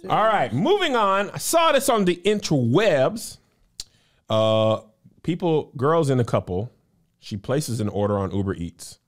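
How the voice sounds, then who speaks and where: Animated man with a slushy lisp. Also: fairly high pitch, a little slow. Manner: playful, animated. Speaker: podcast co-host. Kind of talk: casual podcast chat. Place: small indoor studio. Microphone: close desk podcast microphone.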